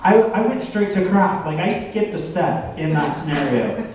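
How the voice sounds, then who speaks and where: A man in his thirties works a bar stage with a self-deprecating stand-up set, his fairly high voice broken up by frequent fillers. The mic sits back from him in a very echoey room. A faint hum of the bar runs underneath. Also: expressive, moderate pace, a little mellow, distant mic. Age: 30s. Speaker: stand-up comedian. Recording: roomy bar, from afar, faint crowd noise.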